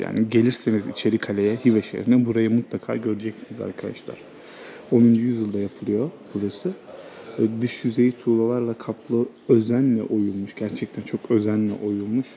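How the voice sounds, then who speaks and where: Warm and lowish, a man's voice carries an informal, unscripted travel vlog as he walks through an old walled town. He's the host, thinking aloud conversationally amid outdoor city sounds and background noise.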